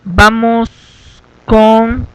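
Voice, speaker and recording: A man's voice: extremely high pitch, flat delivery, extremely slow, fairly bright tone, smooth, no echo, rough recording. A man teaching an English lesson in Spanish, giving instructions step by step and checking in with "ok" again and again. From Venezuela. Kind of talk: classroom lesson.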